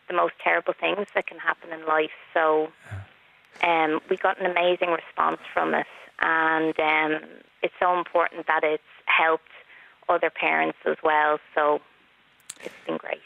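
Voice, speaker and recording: A middle-aged woman calling into a radio show over a cordless landline phone, speaking softly and in a measured way. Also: sits low, little pitch movement, vocal fry. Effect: landline phone line. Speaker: caller. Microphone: cordless house phone. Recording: tinny landline phone line.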